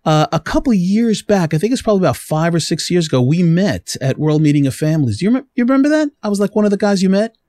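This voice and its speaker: A man's voice: sits high, expressive, fast, few pauses, mellow. A man hosting a podcast, upbeat and chatty, laughing easily as he welcomes his guest. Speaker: podcast host. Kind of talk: casual podcast interview.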